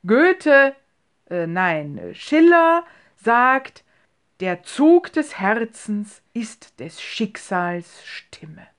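A woman giving voice to a pompous middle-aged suitor who speaks in drawn-out, solemn phrases. He declaims his lines slowly and grandly, like a storybook gentleman proposing at a dinner table. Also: on the low side, lightly acted. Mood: declaiming.

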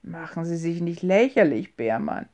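A woman voicing a brash, scornful American heir in an audiobook reading, loud and mocking, with English words mixed in. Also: on the low side, big pitch swings, moderate pace. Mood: menacing.

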